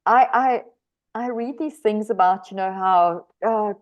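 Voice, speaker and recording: A woman's voice: medium pitch, unhurried, dull audio. A woman from South Africa with a South African accent, an author answering podcast interview questions with lots of hesitant restarts and easy laughter. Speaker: author guest.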